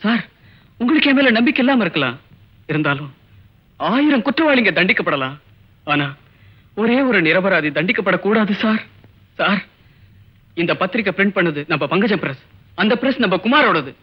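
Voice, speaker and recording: An earnest, wronged young student. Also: male voice, high voice, expressive, moderate pace, long pauses. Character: wronged, dignified young male college student. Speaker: college student. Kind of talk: 1980s film acting. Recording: dull old film soundtrack with music.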